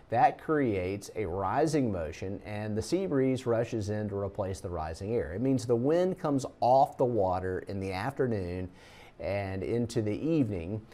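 A middle-aged man, a TV meteorologist giving a relaxed, folksy talk over slides. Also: fairly low pitch.

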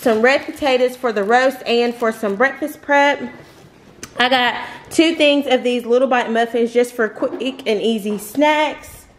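Filming a grocery haul vlog indoors at home, this twenty-something woman chats casually, rambling and laughing a lot. The camera rests on the kitchen counter and catches her fairly high, slightly slow voice along with a little background noise.

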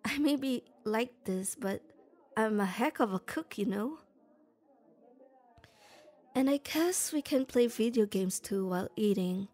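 A young woman speaks close to the mic in an ASMR roleplay addressed to the listener, playing a shy tomboy who is gruff but kind. Her voice is fairly high, expressive and mellow, and she talks a little slowly with frequent pauses, hesitating and stammering.

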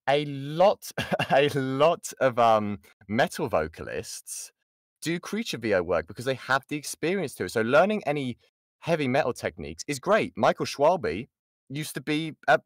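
A British voice actor teaches an informal online class indoors over voice chat, answering questions in a chatty style and repeating key points after breaking off. His pitch is medium, and the studio sound is clean with no echo.

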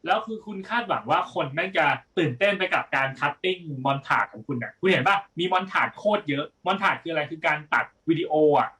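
Blunt ranting man, slightly high voice. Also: expressive, quick pace, hardly any pauses, sharp tone, distant mic. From Thailand. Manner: blunt, heated ranting with profanity. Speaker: film reviewer co-host. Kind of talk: casual podcast chat.

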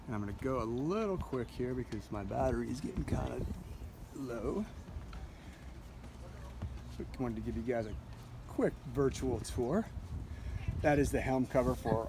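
Filming on his handheld phone, a forties-aged yacht broker casually shows viewers around a sailboat in a marina, from deck to cabin. His medium-pitched voice is chatty and relaxed, often filled with fillers and quick self-corrections. Background noise includes music playing close by.

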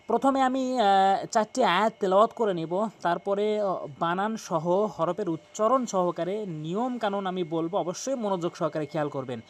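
A man teaching Quran pronunciation, spelling out letters slowly and repeating each correction. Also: high-pitched.

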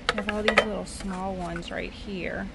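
Chatty woman with a gravelly voice. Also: mid-range voice, steady tone, normal speed. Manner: enthusiastic, chatty, addresses viewers. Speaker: thrifting vlogger. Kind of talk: casual walkthrough narration. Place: large cluttered old store, indoors. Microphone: handheld phone camera, first-person. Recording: loud background noise in a store.

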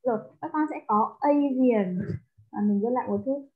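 A woman's voice: on the high side, moderate pace. A woman teaching English, tutoring one pupil and explaining words step by step in with English terms mixed in. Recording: tinny phone-like line.

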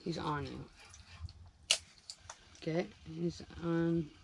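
Excitable young man ice fishing. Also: a little high, drawn-out words, creaky, noisy background. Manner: excitable, shouting and laughing when a fish lands. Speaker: fishing channel host. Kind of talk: casual vlog chat while ice fishing. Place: inside a small ice fishing tent.

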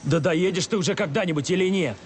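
An actor playing a gruff, irritable, foul-mouthed soldier hero in a video game, blunt and exasperated. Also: male voice, high-pitched, fast talker, a little hiss or hum, lightly acted. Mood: irritated. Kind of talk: video game dramatic acting.

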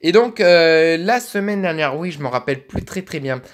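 A young man commenting on a story game, chatty and musing, thinking out loud. His voice is animated with wide swings in pitch. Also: moderate pace. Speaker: let's play host. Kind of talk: let's play commentary.

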